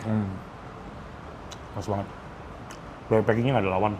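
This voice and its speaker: Speaking at a normal pace in a lowish, level voice, this man gives a slangy, upbeat food review with English phrases mixed in. He's a food vlogger with a Jakarta Indonesian accent, recording in a restaurant. The audio is clear, and the sounds of the restaurant carry in the background.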